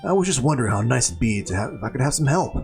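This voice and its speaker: Guy reading out a tired bossy restaurant worker, game dialogue, lively up and down voice. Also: mid-range voice, racing, gravelly, faint music behind. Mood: weary. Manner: reads game dialogue aloud. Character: weary, bossy short-handed restaurant worker.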